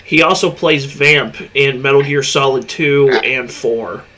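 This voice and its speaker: Slow, bright-voiced streamer on headset mic. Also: male voice, mid-range voice, rough recording. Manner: easygoing, laughs often between remarks. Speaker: streamer co-host. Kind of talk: casual livestream chat.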